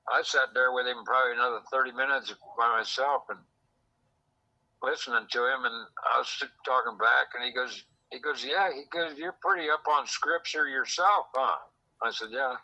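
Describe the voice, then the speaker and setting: A man's voice: medium pitch, pushed and bright, poor audio. A man telling a rambling story in casual chat, quoting people in dialogue, recorded in a secretly taped conversation. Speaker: host.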